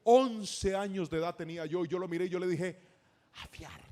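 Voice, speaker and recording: High-voiced pastor preaching. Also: male voice, brisk, mellow, slight background noise. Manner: storytelling preacher, emphatic with call-and-response. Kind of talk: sermon.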